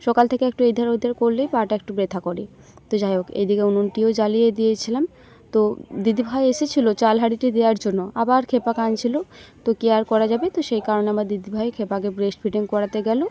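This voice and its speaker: A woman's voice: on the high side, steady tone, fast, warm tone. A woman vlogger chatting casually to viewers about her day, sounding tired. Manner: chatty, addresses viewers directly. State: tired, sore legs. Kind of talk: casual vlog narration.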